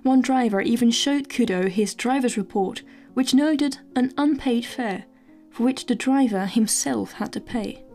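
Podcast lady narrating a spooky story, kinda high voice, lots of ums and restarts, soft music behind. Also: unhurried. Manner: hesitant, many fillers and restarts, earnest. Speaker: podcast host.

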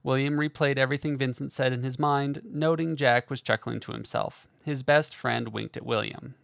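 A man reading a fantasy novel aloud in a steady, measured way. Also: mid-range voice, creaky, dry recording, studio quality. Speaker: audiobook narrator. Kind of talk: scripted fantasy novel narration.

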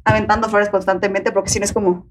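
Podcast guest: young Mexican woman, rapid, direct and animated storytelling. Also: mid-range voice, background noise. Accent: Mexican Spanish. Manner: blunt, animated storyteller with slang. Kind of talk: casual chat.

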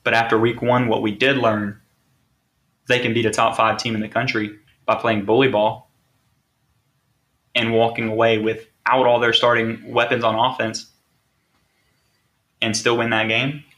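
A man's voice: mid-range voice, little pitch movement, measured pace, pauses often, fairly bright tone. A man hosting a sports podcast, talking casually and driving points home with rhetorical questions. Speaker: podcast host.

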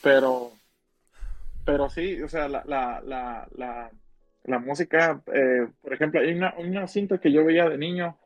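A man's voice: on the high side, unhurried, no echo, soft background music. A man with a northern Mexican accent chatting casually in slang as a podcast co-host, rambling and repeating his phrases. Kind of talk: casual slangy chat about films and music.

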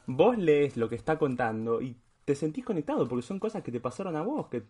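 A man with a Uruguayan Spanish accent talks animatedly on a casual podcast with friends. His pitch rises and falls a lot as he tells a story. He sits at an average pitch and teases with a dry wit. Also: big pitch swings, fairly quick, dark tone, slightly rough. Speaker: podcast co-host. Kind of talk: casual banter among friends.

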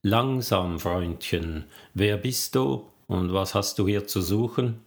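A man voicing a blunt, dry-humored male police detective with a gruff manner in an audiobook. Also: fairly low pitch, slow.

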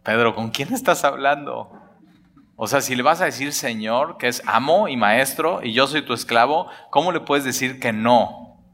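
A man preaching, his voice bright and forceful. He talks animatedly and colloquially, acting out the dialogue as he explains scripture. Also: medium pitch, normal speed. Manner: animated, acts out dialogue, colloquial Mexican slang. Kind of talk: lively sermon on scripture.

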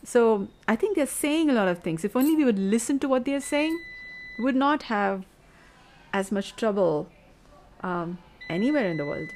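A woman's voice: on the high side, expressive, normal speed, darkish tone, slight background noise. A woman hosting a reflective solo monologue, wandering through her thoughts, searching for words and often ending a point with a questioning "yeah?". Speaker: podcast host.

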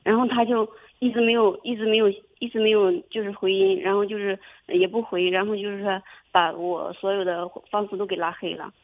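A young woman calling in to a radio advice show, telling her story haltingly with many restarts. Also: mid-range voice, steady tone. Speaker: caller. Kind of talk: phone-in advice call. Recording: tinny phone line.

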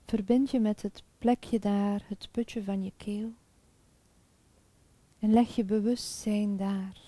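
A woman guiding a chakra meditation in a soft, calm, half-whispered spa-like voice with long pauses. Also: medium pitch, no room sound. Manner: slow, calm, soothing, with pauses. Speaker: meditation guide.

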